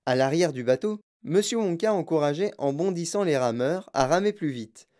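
A man reading a children's storybook aloud in a calm, even narration. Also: fairly high pitch, moderate pace.

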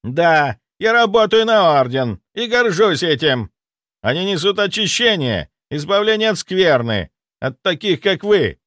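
A man voicing a fanatical male healer serving a cult, hysterical and zealous in a shrill, frantic voice. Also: big pitch swings, moderate pace, a bit bright, no echo, clean studio sound. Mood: venomous.

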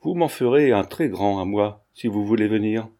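A man reading a gentle, coaxing young student. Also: fairly low pitch, animated, moderate pace. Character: bold young male student, kind and teasing. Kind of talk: audiobook character reading.

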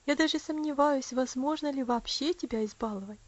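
A woman voicing a gentle, affectionate young woman in an audiobook, speaking tenderly and soothingly. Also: high-pitched, brisk, dry recording, muffled recording, lightly acted. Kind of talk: audiobook character voice.

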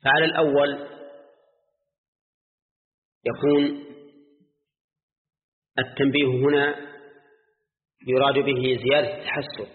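A man's voice: medium pitch, little pitch movement, slow pace, pauses often. Older male scholar teaching Quran exegesis, chanting verses, tinny phone-like audio with long hall echo. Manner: explains step by step, often asks students "ha?", chants verses. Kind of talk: classroom Quran exegesis lesson. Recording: tinny lo-fi recording in an echoey hall.

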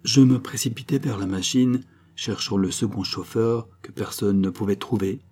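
A male audiobook narrator reading a novel aloud, measured and expressive. His voice sits low with a mellow, dark color and a husky edge.

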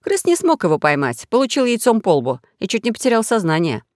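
A woman's voice: medium pitch, brisk, no echo, clean studio sound. Woman reading a children's story aloud. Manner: expressive storytelling. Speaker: narrator.

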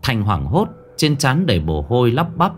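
A man narrating a horror story in a dramatic, expressive way. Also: mid-range voice, normal speed, faint music behind.

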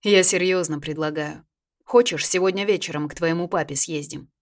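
A woman voicing a teasing, tender army major who is ill, speaking softly and wryly in an audiobook. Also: sits low, moderate pace.

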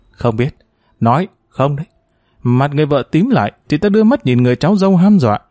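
A man narrating a story in a steady, expressive way. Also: a little high, no room sound, studio quality.

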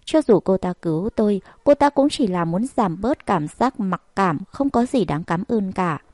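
A woman's voice: medium pitch, lively intonation, normal speed, dark tone, no echo, studio quality, close to an everyday voice. A woman voicing a bitter, resentful young woman who speaks with contempt, in an audiobook reading. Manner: spiteful, contemptuous.

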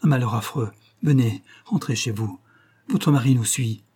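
A man voicing an agitated nobleman who speaks in a hoarse, brief voice, in an audiobook. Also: mid-range voice, normal speed, dark tone, close to an everyday voice. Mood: urgent.

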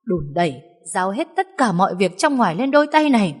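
A woman's voice: medium pitch, sing-song, brisk. A woman voicing a fierce, furious young wife in a reverberant recording. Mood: bitter. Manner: shouting angrily. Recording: long reverb.

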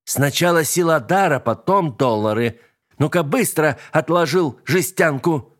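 A man voicing a scheming, boastful middle-aged witch who bosses her son, with a shrill, commanding manner. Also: lively intonation, a little slow, a bit bright. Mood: gloating.

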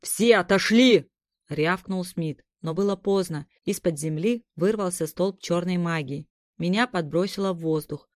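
A woman narrating a first-person fantasy audiobook in a steady, even reading. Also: on the low side, moderate pace, no echo, studio quality.

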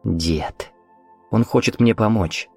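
Man doing hypnotised frightened man, hushed, low, slow halting replies, dry audiobook read. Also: gravelly, husky, no echo, faint music behind, full character voice.

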